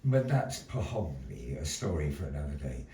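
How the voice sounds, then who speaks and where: With a mellow bass voice, a man plays the grand, old-style showman of a puppet show, narrating theatrically for a live crowd in a gallery. He's very animated and keeps a moderate pace. The recording is roomy and noisy, taken from a distance.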